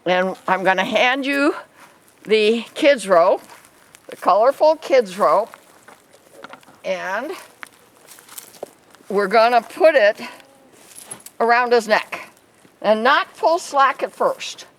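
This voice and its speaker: A woman's voice: fairly high pitch, expressive, takes it slowly, pauses often, rough recording. Woman, casual vlog host, animal trainer, soothing repeated reassurances, outdoors, camera mic, faint background noise. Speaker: alpaca trainer and show host. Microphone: camera mic, handheld at times.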